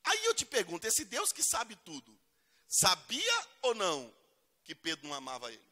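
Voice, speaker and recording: A man's voice: high voice, huge pitch swings, normal speed, bright, forceful tone. A male pastor preaching a humorous sermon in a church, acting out prayers in voices. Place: church hall. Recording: long church reverb.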